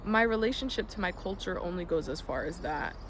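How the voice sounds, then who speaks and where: In this reflective personal vlog, a young adult from the United States speaks earnestly, often saying um and swearing casually now and then. Her voice is medium-pitched, expressive, a bit bright and slightly fast. Behind her, birds and passing cars fill a noisy background.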